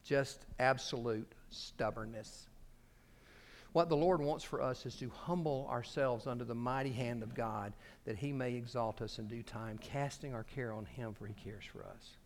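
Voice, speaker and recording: Animated man preaching a sermon. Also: mid-range voice, normal speed, a little hiss or hum. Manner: animated, swings between loud emphasis and quiet asides; acts out quoted speech in his telling. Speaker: pastor.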